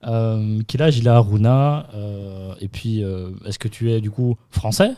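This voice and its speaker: Mellow-toned man asking questions. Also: fairly low pitch, steady tone, measured pace. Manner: questions full of fillers and restarts. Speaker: podcast host. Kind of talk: casual podcast interview.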